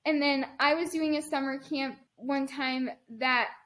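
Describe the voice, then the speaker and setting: A young woman in her early twenties with a high voice, co-hosting a podcast. She tells long rambling stories in a casual, chatty way. Her humor is dry and sarcastic. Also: steady tone, a little slow, fairly bright tone. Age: early 20s. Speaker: podcast co-host. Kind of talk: casual chat.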